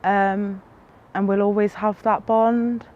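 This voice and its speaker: Young woman, twenties, student, candid, quick asides, faint hum behind. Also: mid-range voice, level tone, phone-quality sound. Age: 20s. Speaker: psychology student and care leaver. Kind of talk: interview to camera.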